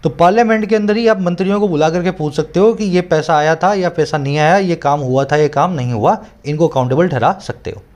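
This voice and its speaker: A man's voice: on the high side, brisk, hardly any pauses, darkish tone. A man teaching English, explaining a newspaper editorial in Hindi with English terms and an Indian English accent, often checking that the learner understands. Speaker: English tutor.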